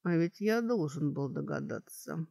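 A woman reading a story, voicing a cornered young male elf who speaks quietly and hesitantly, almost whispering. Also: low voice, big pitch swings, moderate pace, no room sound, studio quality, full character voice. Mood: subdued.

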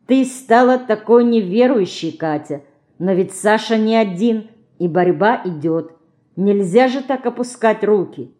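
A woman voicing a modest, gentle mother who frets over her children in an audiobook. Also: mid-range voice, expressive, measured pace, pitched above the performer's own voice, natural voice.

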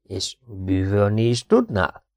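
A man doing a gruff, cocky fat scorpion charmer. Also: lowish voice, very animated, a little mellow, no room sound, clean studio sound. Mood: demanding. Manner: blunt, scolding, slow and cocky. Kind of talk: audiobook character voice.

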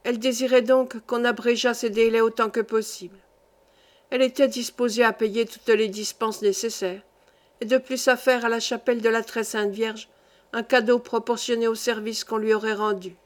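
A woman reading a classic novel aloud as an audiobook, in a steady, measured manner. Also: a little high. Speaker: audiobook reader. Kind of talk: literary audiobook narration.

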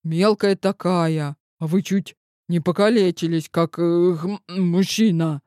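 A man's voice: sits high, steady tone, slow, a little mellow, dry recording, clean studio sound. A man reading an audiobook voices a chatty, grumbling male bodyguard who rambles on.

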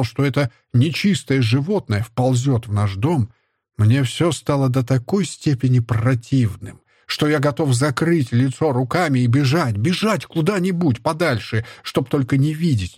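A man's voice: mid-range voice, a little mellow, breathy edge, dry recording, studio quality. A man voicing a bitter, disgusted scholar. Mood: irritated. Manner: bitter, contemptuous outbursts. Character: bitter, disgusted middle-aged scholar and husband. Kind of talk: audiobook character voice.

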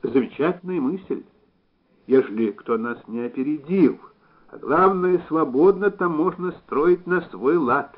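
A man voicing a male hospital chief doctor who talks in a lively, admiring way, on a slightly dull recording. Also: a little high, a little slow, voice pushed up.

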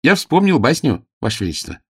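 A man's voice: mid-range voice, huge pitch swings, quick pace, vocal fry, husky, no echo, clean studio sound, pitched above the performer's own voice, full character voice. A man voicing an earnest, brave young girl disguised as a page in an audiobook drama, speaking in a raised, pleading voice.

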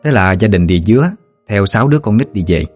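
A man narrating a ghost story in a calm, even storytelling manner. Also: lowish voice, fast talker, no room sound, faint music behind.

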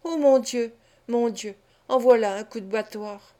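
A woman reading an audiobook voices an excitable young male pickpocket who laments and boasts. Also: on the high side, unhurried, close to an everyday voice. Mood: mournful.

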